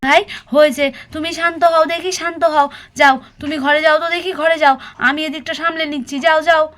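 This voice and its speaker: A woman voicing a calm elder sister-in-law in a cartoon story who soothes and coaxes the rest of the family. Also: sits high, moderate pace. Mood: soothing. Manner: soothing, coaxing.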